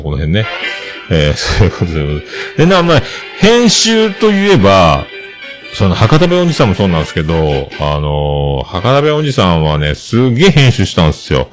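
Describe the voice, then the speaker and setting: Man, podcast host, low voice, lively pitch, rambling casual chat. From Fukuoka, Japan. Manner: rambling and chatty, with many hesitations. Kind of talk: casual solo podcast talk.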